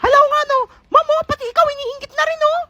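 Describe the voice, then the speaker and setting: A woman's voice: extremely high pitch, fairly even intonation, quick pace, bright, forceful tone, muffled recording, a little hiss or hum, pitched above the performer's own voice. A woman voicing a gossipy, jealous schoolgirl in a comedy skit, whiny and mocking. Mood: excited.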